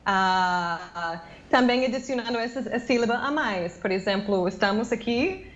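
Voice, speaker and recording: Speaking from her home office, a U.S. woman whose first language is English gives a remote news interview over a video call. Her fairly high voice comes at a measured pace through a muffled recording, and she's chatty, full of fillers and restarts.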